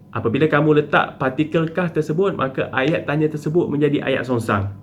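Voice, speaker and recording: Teaching a primary school class, a man walks through the material step by step, repeating patiently and sprinkling in "okey" and "ha." His voice is mid-range, with a little hiss or hum in the recording.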